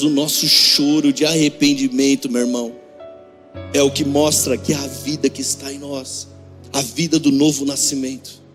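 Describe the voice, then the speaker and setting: Male pastor, fairly high voice, fervent sermon delivery that drops to a hush and rises into sung pleas, long church reverb, faint music under. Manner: impassioned, swinging from hushed to raised, half-sung pleas. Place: church hall.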